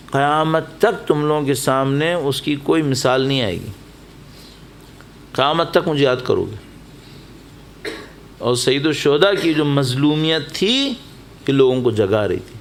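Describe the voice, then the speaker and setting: A man's voice: mid-range voice, lively intonation, pauses often, a little hiss or hum. A man delivering a religious sermon at a mourning gathering, telling stories and exhorting his listeners with emphatic repetition. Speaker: preacher. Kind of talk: Muharram majlis sermon. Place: mosque or majlis hall.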